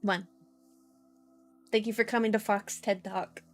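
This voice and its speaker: With background music playing, a woman talks a little fast in a mid-range voice that barely moves in pitch. She's a VTuber hosting a casual livestream chat, speaking playfully and childishly and often saying the same thing twice.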